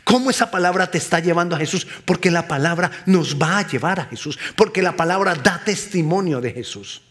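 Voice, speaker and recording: A male pastor delivers a sermon with a fairly high voice. He preaches emphatically, rising to loud stresses and then dropping to hushed, close lines. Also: animated, brisk.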